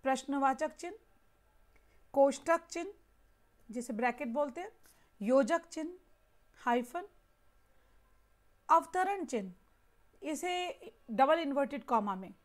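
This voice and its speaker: Woman teacher, high-pitched, unhurried lecture delivery, patient explainer. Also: expressive. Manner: explains patiently with everyday examples. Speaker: Hindi grammar teacher. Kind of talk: classroom lecture.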